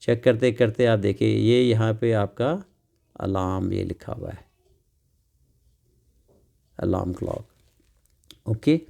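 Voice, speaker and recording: A man tutoring English from a children's workbook, explaining slowly and repeating each word, asking questions and answering them himself. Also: fairly low pitch, fairly even intonation, creaky, warm tone. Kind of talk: classroom lesson explaining a workbook.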